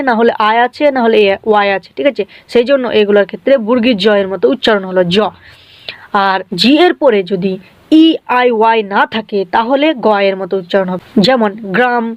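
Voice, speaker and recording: Brisk, high-pitched woman tutor. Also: dry recording, highs cut off. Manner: brisk and explanatory, often checking in with the viewer. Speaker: English spelling tutor. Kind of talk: scripted video lesson.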